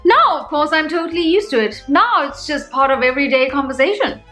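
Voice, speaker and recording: A woman from South Africa with a South African accent, telling comic stories to camera in a sarcastic, animated way. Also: sits high, fairly quick, soft background music. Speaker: vlogger. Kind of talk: casual comedic vlog monologue.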